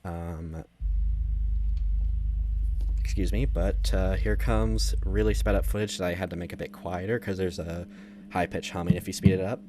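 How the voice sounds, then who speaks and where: A man's voice: deep voice, fairly even intonation, normal speed, pauses often, noisy background. A man casually talking through a game walkthrough, rambling and correcting himself as he goes. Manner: rambling, self-correcting, conversational. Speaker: gameplay commentator.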